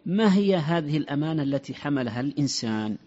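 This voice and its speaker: Brisk male radio host, formal standard Arabic. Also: fairly high pitch, animated, a little mellow, dull audio. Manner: formal standard Arabic, measured broadcast diction.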